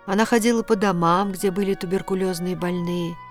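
A woman narrating a story in a measured, expressive reading. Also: lowish voice, soft background music. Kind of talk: audiobook narration.

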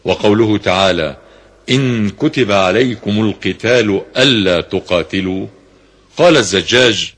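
A man reading a classical scripture commentary in a formal, measured way, slowing down for quoted verses, on a radio broadcast recording. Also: lowish voice, fairly bright tone, slightly rough. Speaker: reader of Quran commentary.

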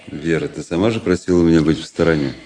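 In a Russian radio drama, a male actor with a warm bass voice plays a proud, cynical, world-weary young aristocratic officer. His delivery is measured and rhetorical, and the mood is guarded.

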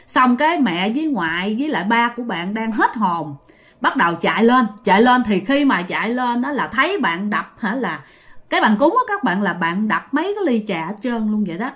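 Her voice mid-pitched and fairly bright, a Southern Vietnamese woman chats her way through a ghost story, addressing the audience directly in a relaxed manner.

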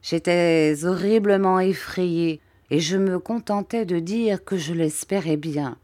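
Low-voiced woman reading a novel aloud. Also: takes it slowly, darkish tone, no echo, clean studio sound. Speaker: audiobook reader. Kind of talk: scripted narration of a classic novel.

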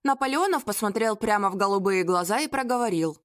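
A woman reading a detective story aloud in an even, measured manner. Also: medium pitch. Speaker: audiobook narrator. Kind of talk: scripted narration.

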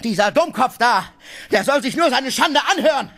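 Husky, sneering bully in a radio play, lively delivery, music underneath. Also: male voice, medium pitch, normal speed. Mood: shouting. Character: coarse, bullying middle-aged male swindler.

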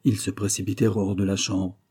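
Warm, husky male audiobook narrator. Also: on the low side, little pitch movement, brisk. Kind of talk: scripted first-person narration.

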